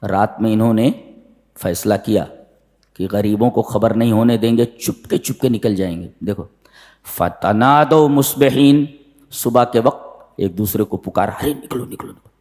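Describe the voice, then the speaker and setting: A man preaching a sermon, reciting Arabic verses and explaining them with dramatic swings in pitch. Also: a little slow, darkish tone. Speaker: preacher giving Quran commentary. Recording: long hall reverb.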